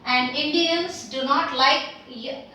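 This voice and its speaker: A woman teaching Hindi letters and sounds, patiently repeating each sound slowly for learners. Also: high-pitched, bright, forceful tone. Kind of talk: language lesson. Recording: roomy echo, mic at a distance.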